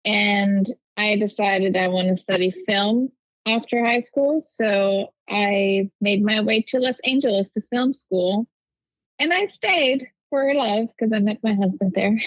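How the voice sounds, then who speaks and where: A young woman who grew up in Germany, German her first language, talks in a bright, chatty way as a guest on a podcast. Her voice sits at a middle pitch. The recording is dry with no room sound, and a bit dull in the highs. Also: unhurried, no room sound. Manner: chatty, upbeat, with frequent "like" and "you know". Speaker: guest, quilt pattern designer. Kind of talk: casual interview chat.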